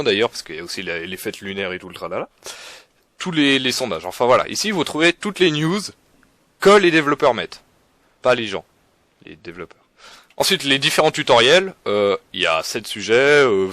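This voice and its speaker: A man's voice: on the low side, fairly bright tone, no echo. A young man giving a casual, rambling walkthrough of a game forum, with lots of fillers, restarts and self-mocking asides. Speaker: forum guide presenter. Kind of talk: casual screen-recorded walkthrough.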